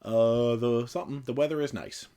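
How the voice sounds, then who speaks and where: An American man hosting a casual livestream, reading out viewer comments in an animated, joking way. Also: normal speed, clean tone. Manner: animated, playful, jumps in pitch when joking. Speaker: livestream host.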